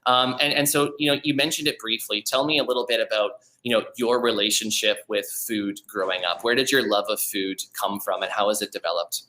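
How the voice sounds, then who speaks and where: Bright-voiced male podcast host. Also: fairly low pitch, fairly even intonation, fairly quick, hardly any pauses. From Canada. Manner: upbeat, repeats words when asking questions. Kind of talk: hosting an interview.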